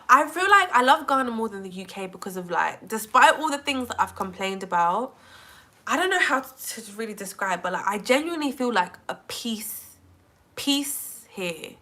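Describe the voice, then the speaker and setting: A young woman with a British accent, chatting casually to the camera in a vlog, full of filler likes and lively asides. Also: on the high side, moderate pace. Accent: British English. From England. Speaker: vlogger.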